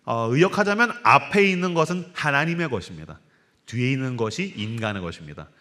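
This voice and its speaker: A middle-aged man preaching a sermon as a pastor, telling stories in an animated way and putting on voices. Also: mid-range voice, brisk. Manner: animated storytelling with acted voices. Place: church sanctuary.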